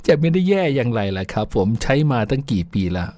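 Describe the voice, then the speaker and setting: A man's voice: mid-range voice, sing-song, fast talker, darkish tone, no echo. A man hosting a radio show, telling folksy childhood stories in a chatty way and laughing often. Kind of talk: folksy storytelling. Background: faint music.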